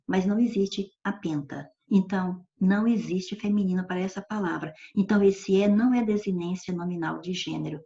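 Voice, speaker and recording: A woman's voice: medium pitch, warm tone. A woman teacher, explaining grammar in a patient classroom lecture and often checking that students follow. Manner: patient, checks understanding with frequent questions. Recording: dull lo-fi recording.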